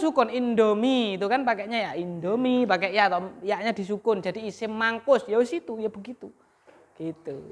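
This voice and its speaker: A woman teaching Arabic grammar, often leaving a sentence open for students to finish. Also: medium pitch. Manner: quizzes the class with half-finished questions. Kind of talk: classroom lesson.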